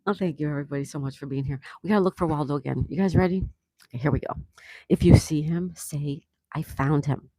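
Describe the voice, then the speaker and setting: Mellow-voiced older woman hosting a livestream. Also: low voice, fast talker, no room sound. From South Florida, USA. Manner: chatty, reads comments aloud, laughs often. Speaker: livestream host reading chat. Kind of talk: casual live-stream chat.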